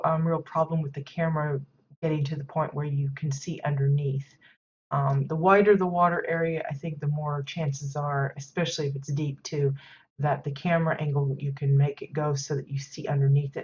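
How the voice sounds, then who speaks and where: Woman host, deep-pitched, congested, chatty stream commentary full of fillers. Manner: rambling, many fillers and restarts. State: stuffy nose from sneezing. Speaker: game stream host giving housing tours. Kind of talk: casual live-stream commentary. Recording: dull lo-fi stream audio.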